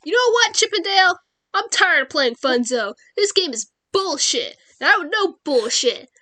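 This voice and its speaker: A woman voicing a brash, hard-drinking frontier woman who talks loud, swaggering and crude. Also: extremely high pitch, big pitch swings, normal speed, a little hiss or hum, pitched above the performer's own voice, heavily acted.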